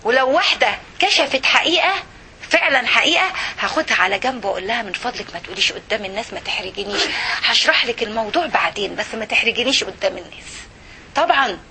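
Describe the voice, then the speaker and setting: Fast, bright-voiced Egyptian woman preacher. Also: high-pitched, slight background noise. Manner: animated, asks the audience rhetorical questions. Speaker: religious speaker. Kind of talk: religious talk to women.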